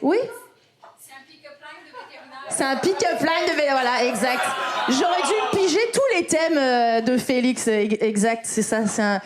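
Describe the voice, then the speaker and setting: French woman, late 30s, stand-up comic, lively crowd-work delivery, a little high-pitched. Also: unhurried, long pauses. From France. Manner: animated, chatty, crowd work, swears freely. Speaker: stand-up comedian. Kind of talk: live stand-up set. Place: comedy club stage.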